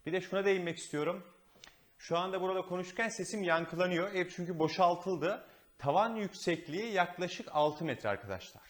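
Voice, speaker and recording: Guy touring an empty villa, raising his voice a bit, lots of echo bouncing off the bare walls. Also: brisk. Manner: enthusiastic, praising. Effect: echo of an empty high-ceilinged house. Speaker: villa tour host. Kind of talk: casual property walkthrough.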